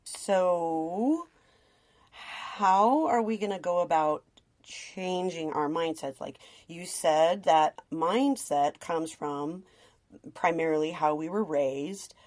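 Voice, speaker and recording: Female co-host, a little low-pitched, curious and conversational. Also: slow, darkish tone. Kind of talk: casual podcast conversation.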